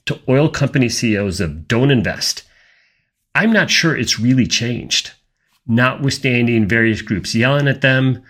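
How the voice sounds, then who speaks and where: A man's voice: medium pitch, lively intonation, normal speed, a bit bright. A man giving an emphatic, opinionated video commentary on energy markets.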